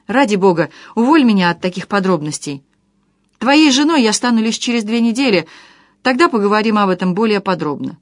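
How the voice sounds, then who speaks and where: A woman's voice: mid-range voice, animated, a little fast, no echo, studio quality, natural voice. A woman reading the part of a headstrong young bride who speaks firmly and with indignation. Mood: indignant. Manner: indignant, firm.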